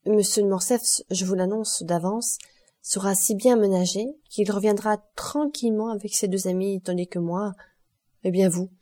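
Woman reading calm doomed count, measured and resigned, mellow low-key voice, audiobook. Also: lightly acted. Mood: grave. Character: grave, fatalistic nobleman count.

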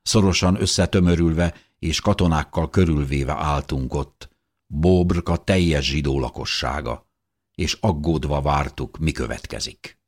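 A man narrating a first-person audiobook in an earnest, measured way. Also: a bass voice.

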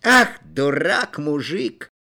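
A man reading aloud voices an excitable, scheming male gold prospector who exclaims loudly. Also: mid-range voice, unhurried. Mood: outraged. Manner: loud, exclaiming.

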